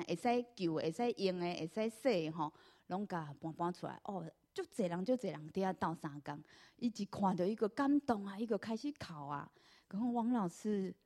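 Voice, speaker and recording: A woman with a Taiwanese accent giving an earnest personal church testimony, telling her story with many drawn-out fillers. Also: lowish voice, darkish tone.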